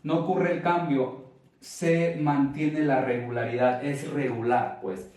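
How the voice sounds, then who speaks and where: A man with a Mexican accent teaching a Spanish grammar lesson, speaking deliberately and stressing syllables to demonstrate them. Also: medium pitch, fairly even intonation, a little mellow. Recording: very echoey room, from far off.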